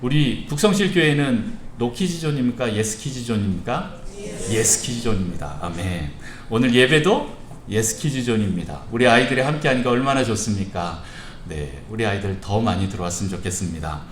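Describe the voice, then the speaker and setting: A man preaching a children's sermon, telling the story in a lively way, acting out voices and asking the children questions. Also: lowish voice, fairly quick, slight background noise. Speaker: pastor. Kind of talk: children's sermon at a church service. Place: church sanctuary. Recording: echoey church hall.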